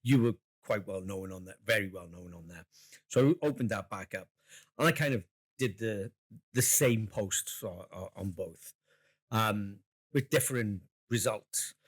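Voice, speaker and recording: A man's voice: fairly low pitch, measured pace. A man co-hosting a podcast in casual chat, rambling and jokey, laughing often and swearing casually. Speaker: podcast co-host.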